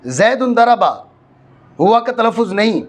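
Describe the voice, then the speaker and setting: A man's voice: very high voice, expressive. A man from Pakistan, teaching a grammar class, explaining step by step and often checking that his students follow. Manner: explains step by step, repeats points, checks understanding. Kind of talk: classroom lecture on Arabic grammar.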